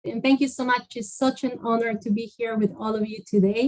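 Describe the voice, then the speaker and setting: An earnest woman from El Salvador talks as an interview guest, her voice sitting a little high. She explains at length and leans on her key phrases with emphasis. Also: fairly even intonation, quick pace, darkish tone, rough recording. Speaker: executive director of a social justice fund.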